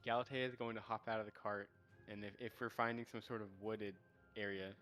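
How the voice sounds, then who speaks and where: Halting man playing a tabletop game. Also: fairly low pitch, flat delivery, a bit bright, soft background music. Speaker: player.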